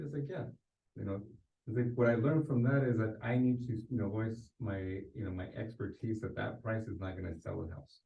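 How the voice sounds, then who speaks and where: On the low side with vocal fry and a warm tone, this man shares stories in a group coaching session as a real estate sales coach. He's conversational, frequently restarts sentences, and keeps seeking agreement, all on a distant, echoey, phone-thin recording.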